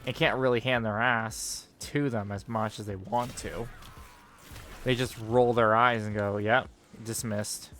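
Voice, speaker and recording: A man's voice: mid-range voice, fairly even intonation, a little slow, a bit bright, slight background noise. A man talking casually while streaming a game, rambling and sarcastic with frequent swearing. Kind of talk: casual gaming stream chat.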